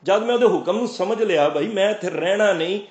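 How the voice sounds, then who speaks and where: A man giving a sermon on scripture. He recites the verses slowly, then explains them and answers his own questions. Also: sits high, reverberant. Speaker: Sikh preacher. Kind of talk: scripture exposition.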